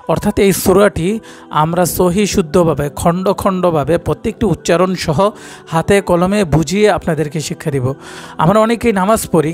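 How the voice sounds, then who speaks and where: A man with a Bangladeshi Bengali accent teaching Quran recitation, who explains quickly and then chants each verse slowly. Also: sits high. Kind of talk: lesson with slow chanted recitation.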